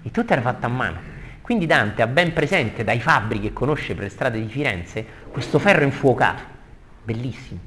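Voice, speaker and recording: A man giving a lively lecture on poetry to a live audience, reading verses slowly and with emphasis. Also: mid-range voice, a little hiss or hum. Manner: enthusiastic, repeats praise, reads verses slowly and emphatically.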